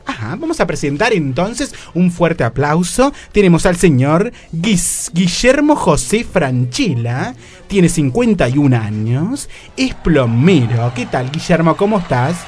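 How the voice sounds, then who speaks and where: A man's voice: a little high, sing-song, measured pace, darkish tone. A man with an Argentine accent hosting a comedy talk show in a campy, exclamatory way. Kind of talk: comedy radio sketch.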